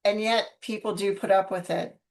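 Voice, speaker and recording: A woman co-hosting a podcast, affirming her guest warmly in casual chat. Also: mid-range voice, fairly even intonation, moderate pace. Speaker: podcast co-host.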